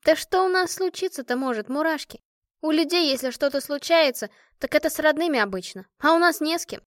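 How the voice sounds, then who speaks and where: A woman's voice: high voice, expressive, brisk, no echo, voice pushed up. A woman voicing a tired, tough young orphan girl soldier who speaks bitterly and coarsely, close to tears, in an audiobook. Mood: weary bitter.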